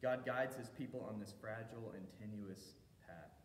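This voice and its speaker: A man preaches a sermon as a pastor, telling the story in measured phrases with deliberate pauses and emphasis. The recording carries echoey hall reverb and a faint low rumble.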